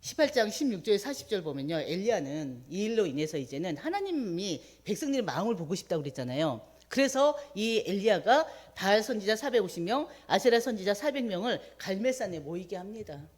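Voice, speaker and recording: Lively woman preaching a midweek sermon. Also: mid-range voice, fairly quick, few pauses. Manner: animated storytelling, acting out prayers and quotes.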